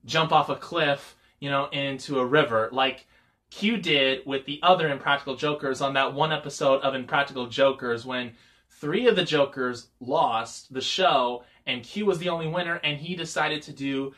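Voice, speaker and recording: A Michigan man in his twenties vlogs casually to camera, rambling and leaning on lots of "you know" fillers. His mid-range voice has a sharp tone and a moderate pace.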